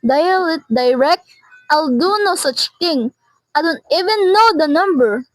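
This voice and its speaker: A woman's voice: sits high, animated, unhurried, no echo, faint music behind, rough recording. A teenage girl playing a frantic, imperious, nervous housebound wife in an amateur radio drama, indignant and haranguing. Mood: outraged, scolding. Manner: indignant, haranguing, repeats phrases. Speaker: student performer.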